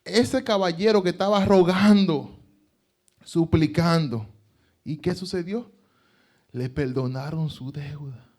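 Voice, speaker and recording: A man's voice: on the high side, slow, pauses often, darkish tone. A man preaching a sermon as pastor, retelling with emphasis and rhetorical questions.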